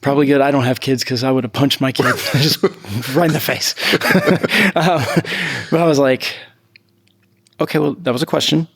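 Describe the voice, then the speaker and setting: A man hosting a podcast, telling a coaching story in a casual, animated way, laughing often. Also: medium pitch, normal speed. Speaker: podcast host and jiu-jitsu coach.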